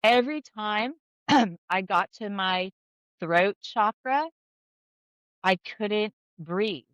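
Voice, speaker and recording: A woman's voice: medium pitch, very slow, fairly bright tone, no room sound. A middle-aged woman in a casual group conversation, telling candid, self-mocking stories.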